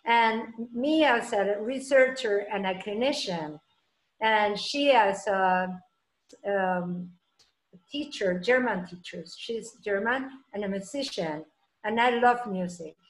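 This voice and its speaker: A middle-aged woman from Peru presenting on a video call, halting and full of restarts. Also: medium pitch. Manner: halting, many restarts and fillers. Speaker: presenter, trauma clinician. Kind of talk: online roundtable talk. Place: room at home. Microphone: laptop webcam, video call. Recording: echoey room on a video call.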